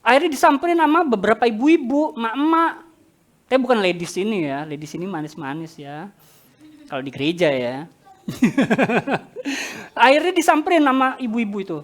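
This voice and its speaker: A woman preacher telling a story in a sermon, animated and talking straight to the congregation. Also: on the high side, moderate pace. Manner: animated, addresses congregation directly.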